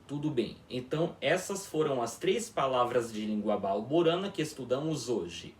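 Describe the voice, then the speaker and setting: A man teaching a formal video lesson on an invented language, repeating words slowly and often checking that listeners follow along. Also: mid-range voice, expressive. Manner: slow, repetitive, checks in with listeners constantly. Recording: echoey room, voice from far off.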